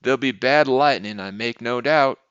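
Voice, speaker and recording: A man's voice: medium pitch, moderate pace, fairly bright tone, smooth, dry recording, close to an everyday voice. A man voicing a bearded, rugged canal-boat father who speaks in a folksy drawl, in a dull lo-fi recording. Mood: gruff easy.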